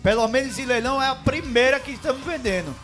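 A man's voice: extremely high pitch, fast, a bit bright. A Brazilian man giving casual live commentary on lots at an auction. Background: music.

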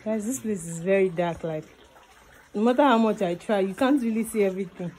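A young woman with a Nigerian accent, chatting excitedly as she vlogs her walk through a cave and down to a river. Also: mid-range voice, a little fast, slight background noise, rough recording. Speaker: vlogger. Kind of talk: casual travel vlog narration. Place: inside and around a cave and riverside outdoors.

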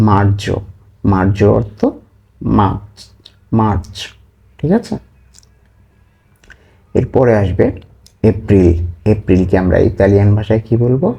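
A man with a low, gravelly and dark voice runs a beginner language lesson. He repeats each word slowly, again and again. After every item he checks in with his listeners. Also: highs cut off. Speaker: language tutor.

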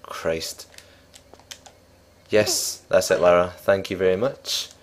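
Deep-voiced guy narrating gameplay. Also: steady tone, slow. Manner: chatty, rambling, self-mocking. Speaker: let's play gamer. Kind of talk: casual gameplay commentary.

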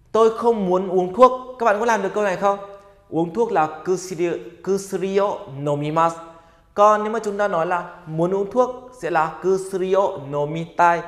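A man teaching a grammar lesson in an upbeat way, asking students questions and having them repeat sentences. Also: fairly high pitch. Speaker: Japanese language teacher. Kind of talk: grammar lesson for Vietnamese learners. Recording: echoey room with long reverb.

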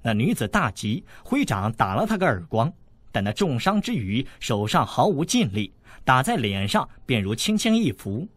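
A man narrating a novel as an audiobook, telling the story lively. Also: medium pitch, moderate pace, breathy edge, no echo.

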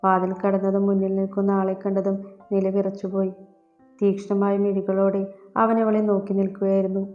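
A woman narrating a romantic audiobook story in a steady, unhurried storytelling manner. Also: mid-range voice. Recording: echoey, dull lo-fi with soft music.

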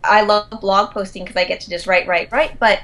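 A woman's voice: mid-range voice, fairly even intonation, brisk, fairly bright tone. A woman in her thirties, a consultant to photographers, talking in a chatty, effusive way with frequent restarts during a casual interview. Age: 30s.

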